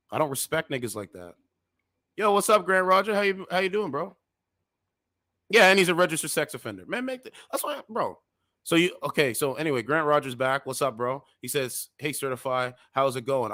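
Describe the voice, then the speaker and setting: A man in his thirties hosting reaction commentary, lecturing in a heated, preachy way with sudden loud outbursts. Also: on the high side, no echo, clean studio sound. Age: 30s. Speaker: commentary channel host.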